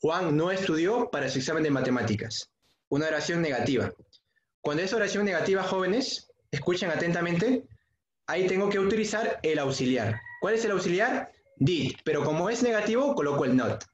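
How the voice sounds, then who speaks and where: Male teacher, higher voice, repeats things, quizzes students, roomy dull sound. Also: expressive, brisk, slight background noise. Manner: patient, repeats key points often; asks students questions by name. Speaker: secondary school English teacher. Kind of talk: online class lesson. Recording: dull, echoey room sound.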